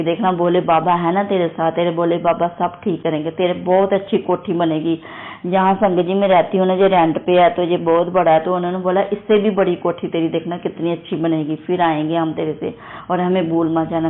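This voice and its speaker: A woman telling a devotional testimony in an earnest, repetitive way, often turning to address the congregation. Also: fairly low pitch. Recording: tinny phone-quality recording.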